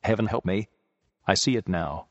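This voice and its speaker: A man's voice: normal speed, long reverb tail, lo-fi sound. A man reading a wealthy contrite son. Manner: deep, solemn tones.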